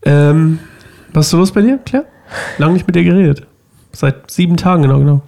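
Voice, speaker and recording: A man's voice: fairly high pitch, a little fast, vocal fry, mellow. A man co-hosting a casual podcast chat, playful and teasing, his voice still a bit scratchy. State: slightly scratchy voice. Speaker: podcast co-host.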